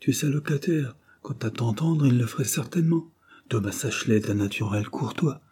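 A man's voice: medium pitch, lively intonation, normal speed, mellow, slightly rough. A man reading a dry, sober Quaker clerk. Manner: dry, brief, formal speech.

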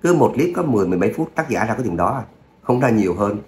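A man's voice: on the low side, rapid-fire. A man who chats casually with his listeners and then reads a serialized story, in a roomy recording with a faint hum. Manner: chatty, with filler words, then a steady reading. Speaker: audio story narrator.

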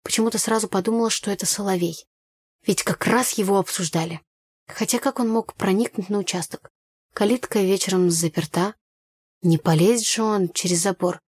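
Woman narrator, mid pitch, dry close recording, first-person audiobook read. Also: normal speed, a little mellow, breathy edge, no echo.

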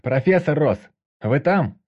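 A man voicing a male squad commander who shouts orders through a wall. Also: on the high side, lively intonation, a little slow, muffled recording, pitched above the performer's own voice. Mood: commanding.

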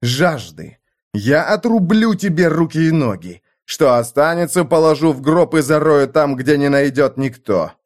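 A man's voice: on the high side, lively intonation, a little slow, voice pushed up. A man voicing a ruthless warrior lord who speaks with cold menace and barks commands. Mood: menacing.

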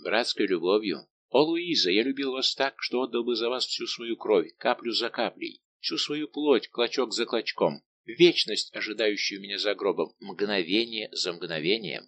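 A man's voice: lowish voice, lively intonation, moderate pace, creaky, few pauses, a bit bright. Brief: a male narrator voicing a proud heartbroken nobleman, impassioned and grave. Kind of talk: audiobook dialogue reading.

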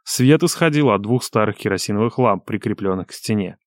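Grim, measured male audiobook narrator, close and dry. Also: fairly low pitch, expressive, no room sound. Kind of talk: scripted first-person narration.

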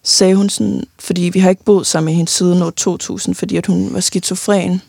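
A young woman giving a halting, personal account of loss in an interview, often pausing and restarting, sometimes tearful. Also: fairly low pitch, steady tone, gravelly, darkish tone, no echo. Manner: halting, many fillers and restarts, tearful at times.

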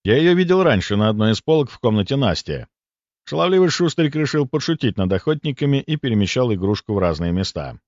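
A man reading a fantasy audiobook in a lively, expressive narration. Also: medium pitch, fast talker, dry recording. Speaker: audiobook reader. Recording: dull lo-fi dry audiobook recording.

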